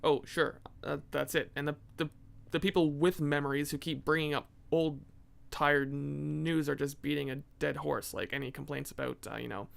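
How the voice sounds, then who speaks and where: A man's voice: on the high side, fairly even intonation, moderate pace, creaky. A man in a casual podcast conversation, making wry asides and tagging his points with questions.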